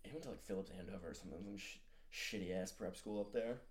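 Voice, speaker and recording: A man's voice: deep voice, quick pace. Joking young man on a podcast. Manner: joking, laughs often, tosses in trivia. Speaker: podcast co-host. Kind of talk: casual chat.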